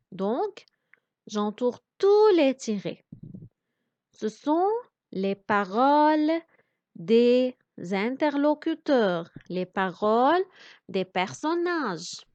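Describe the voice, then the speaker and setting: A woman teaching French reading, speaking slowly and over-articulating each word as she explains pronunciation. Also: fairly high pitch, a little mellow, no echo. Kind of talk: reading lesson. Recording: dry, dull lo-fi sound.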